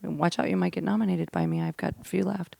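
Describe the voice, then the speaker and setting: A middle-aged woman comic telling stories as a podcast guest at the host's home, animated and acting out quoted lines. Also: fast talker, gravelly, no room sound. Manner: animated storyteller, acts out quotes in a high voice. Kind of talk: casual storytelling chat.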